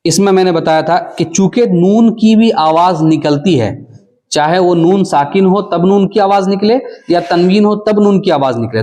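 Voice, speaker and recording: Man teaching slow, drawn-out Quran recitation. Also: high-pitched, warm tone. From South Asia. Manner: drawn-out syllables. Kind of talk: spelling-out recitation lesson.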